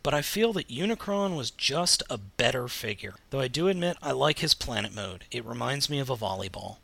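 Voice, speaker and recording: A man's voice: medium pitch, animated, fairly quick, creaky, pushed and bright, slightly rough. An American man co-hosting a casual podcast chat, talking in a slangy, emphatic, jokey way. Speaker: podcast co-host. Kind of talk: casual chat about toy news.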